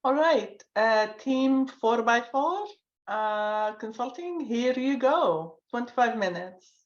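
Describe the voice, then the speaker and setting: A woman moderating as a senior judge, giving semi-formal instructions with a halting delivery full of ums and uhs. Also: on the high side, expressive. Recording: echoey room, dull lo-fi sound.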